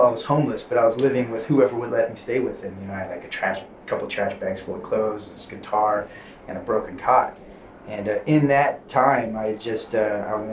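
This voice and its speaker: A man, an actor on a convention panel, answering candidly with halting restarts and fillers. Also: mid-range voice. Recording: roomy distant mic with faint noise.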